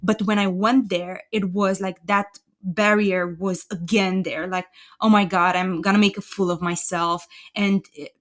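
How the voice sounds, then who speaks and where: A woman's voice: medium pitch, fairly even intonation, unhurried, hardly any pauses. A woman from Romania with a Romanian accent, a native Romanian speaker, talking as a guest on a podcast in a thoughtful, self-deprecating way and chuckling as she goes. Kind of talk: casual conversational interview.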